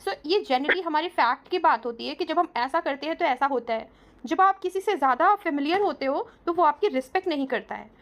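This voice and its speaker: High-voiced woman teaching English grammar. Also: lively intonation, a bit bright. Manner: patient, explains step by step, switching between Hindi and slow English examples. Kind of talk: bilingual English grammar lesson.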